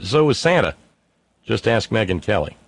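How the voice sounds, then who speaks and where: In a casual, unplanned monologue, a livestream host reads viewer comments, wandering wryly with frequent fillers and restarts. His low voice has a sing-song lilt at a moderate pace, with no echo.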